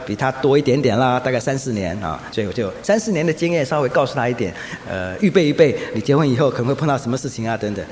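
A man preaching a sermon, telling lively anecdotes and acting out the voices of people in his stories. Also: medium pitch, quick pace, few pauses. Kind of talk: sermon with storytelling. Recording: echoey hall, faint ambient noise.

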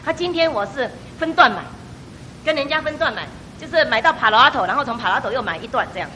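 A middle-aged woman gives a church testimony at a quick clip, with a bright, sharp tone. She tells her story with animated storytelling, slipping into the voices of the people she quotes, over a faint low rumble. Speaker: church member giving testimony. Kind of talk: personal testimony.

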